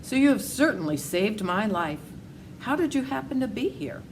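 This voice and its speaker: A plaintive, courteous man made of rusted tin , voiced by a woman reading a storybook. He speaks politely and gratefully. The recording has clear background noise. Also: fairly high pitch, big pitch swings, moderate pace, pitched above the performer's own voice. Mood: grateful, hopeful. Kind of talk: storybook read-aloud character voice.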